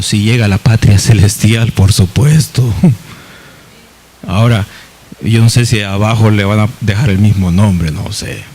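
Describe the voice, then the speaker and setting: A male pastor preaching a Bible study in a folksy way, often calling listeners "brother", with many fillers and restarts and a voice that swings up high. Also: slight background noise. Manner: lively pitch swings, rising high in places.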